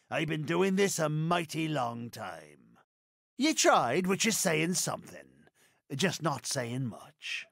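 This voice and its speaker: An actor playing a boastful, vengeful pirate captain in a video game, with a raspy voice, archaic pirate dialect and theatrical, drawn-out delivery. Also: male voice, a little high, a bit bright, no echo, studio quality, heavily acted. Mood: gloating. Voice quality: gravelly, raspy. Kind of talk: video game character voice acting.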